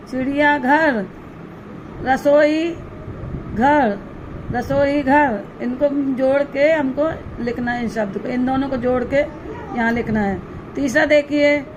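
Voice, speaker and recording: A woman with a high voice teaches young pupils slowly, spelling each word out syllable by syllable. She asks a question and answers it herself, step by step. The sound is a bit dull, with faint traffic in the background. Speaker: primary school Hindi teacher. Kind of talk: slow classroom walkthrough of a textbook exercise.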